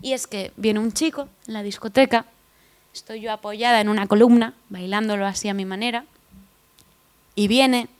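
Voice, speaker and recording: A woman's voice: medium pitch, steady tone, normal speed, clear, resonant tone. A young woman with a Madrid Spanish accent giving a humorous talk on stage. She tells personal stories in a chatty, joking, self-deprecating way and turns to the audience with asides. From Spain (Madrid). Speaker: conference speaker. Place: conference stage before an audience.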